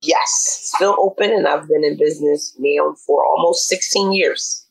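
A middle-aged woman answering interview questions over a video call, her mic clipping and distorting, speaking haltingly with many "um"s. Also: deep voice, gravelly, breathy edge, no echo. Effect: clipping, distorted mic audio. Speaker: restaurant owner, guest.

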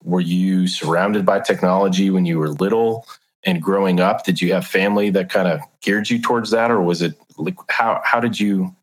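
A man's voice: low-pitched, steady tone, normal speed. A man hosting an interview, asking curious, rambling questions in a casual way. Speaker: interview host.

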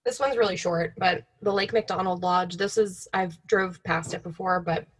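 A woman's voice: fairly low pitch, steady tone, moderate pace, breathy edge, poor audio. A young woman co-hosting in an informal, offhand way, telling stories partly read from notes. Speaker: podcast co-host.

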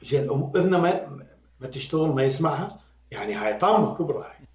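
A man with an Iraqi accent, a music critic and podcast guest, talking in an animated, emphatic way and repeating words to drive his point home. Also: on the high side, quick pace. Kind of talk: conversational critique. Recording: roomy, dull lo-fi sound.

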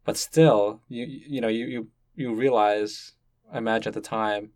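In a conversational podcast interview, a Canadian host whose native tongue is Cantonese asks curious, gently probing questions. His fairly low voice holds a steady tone at a moderate pace, recorded dry with no room sound.

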